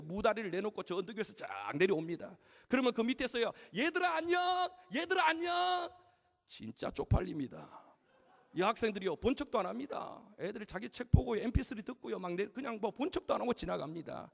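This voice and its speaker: A man's voice: high-pitched, vocal fry. A middle-aged man preaching a sermon, telling stories with comic acted-out dialogue. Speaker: pastor. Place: large seminary chapel. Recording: long hall reverb in a chapel.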